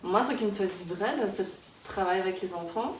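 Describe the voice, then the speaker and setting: A woman's voice: mid-range voice, brisk. A woman in her thirties, born in Kazakhstan, answering interview questions in a casual, hesitant way with many fillers and restarts. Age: 30s. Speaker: interviewee, early childhood worker. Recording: echoey room, distant mic, background noise.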